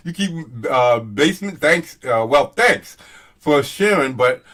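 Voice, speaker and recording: A man with a bright, forceful voice talks through online spats at an unhurried pace. He rambles casually, mocking and swearing as he goes. The microphone sits a little way off from him. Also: medium pitch, expressive, distant mic. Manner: mocking, profane, chuckling at his own jabs. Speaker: host. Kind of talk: casual rambling commentary, reading out online exchanges.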